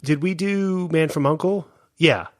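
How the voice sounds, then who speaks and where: A man's voice: on the high side, fairly quick, no echo, studio quality. Rambling man co-hosting a movie podcast. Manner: rambling, jokey, full of restarts. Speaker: podcast co-host. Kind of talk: casual movie-review chat.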